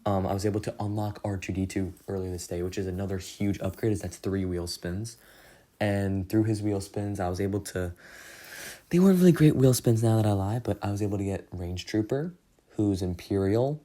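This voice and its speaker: A young man talks through his mobile game progress in a loose, rambling recap. His voice sits low and sounds mellow rather than bright. He keeps filling gaps with "like" and "um" and is quick to laugh at his own mistakes. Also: fairly even intonation. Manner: rambling, self-deprecating, many fillers. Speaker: gaming channel host. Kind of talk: casual gameplay recap.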